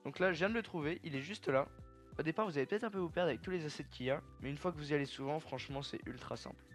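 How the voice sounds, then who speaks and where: A young man casually talking viewers through a software tutorial step by step, chatty and informal. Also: fairly high pitch, rapid-fire, soft background music. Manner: chatty, step-by-step, addresses viewers as "les gars". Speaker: tutorial creator.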